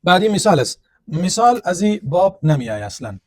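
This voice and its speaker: A man's voice: sits high, big pitch swings, a little mellow. A man teaching a grammar lesson, explaining step by step and asking and answering his own questions. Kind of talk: classroom lecture on grammar.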